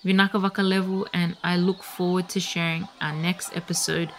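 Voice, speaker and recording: A woman's voice: fairly low pitch, flat delivery, normal speed, a little hiss or hum, poor audio. A woman hosting a podcast, appreciative and encouraging as she addresses guest and listeners. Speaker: podcast host. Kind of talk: warm podcast sign-off.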